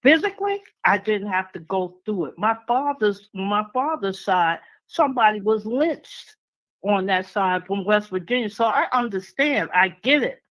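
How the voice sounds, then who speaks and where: A woman's voice: mid-range voice, expressive, normal speed, fairly bright tone, rough recording. A woman, calling in to a talk show and speaking earnestly, repeating points for emphasis. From New York City. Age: 70s. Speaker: caller. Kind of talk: call-in radio talk. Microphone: phone line.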